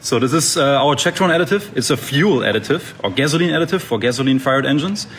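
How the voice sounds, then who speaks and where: A man's voice: mid-range voice, lively intonation, fast, fairly bright tone, slight background noise. A man representing an oil company, explaining a product with a hesitant, um-filled delivery. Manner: explanatory, hesitant with many ums.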